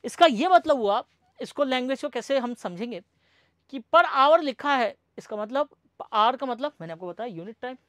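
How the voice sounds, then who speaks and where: A man's voice: extremely high pitch, lively intonation, moderate pace, sharp tone, no echo, studio quality. A male teacher giving a classroom lecture, asking questions and answering them himself, mixing English terms into his explanation. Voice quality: repeats each point as question and answer. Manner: addresses students as "bhai sahab".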